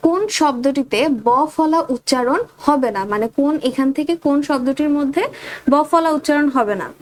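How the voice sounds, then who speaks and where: A woman tutor with a Bangladeshi Bengali accent running a quick exam revision, reading each question and giving the answer straight to her students. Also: high-pitched. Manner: rapid question-and-answer drilling, addresses students directly.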